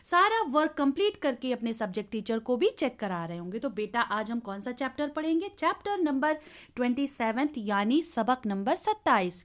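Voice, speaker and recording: A woman teacher giving an online class to children, fondly asking questions and answering them herself. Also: high voice. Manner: calls the children "beta" fondly.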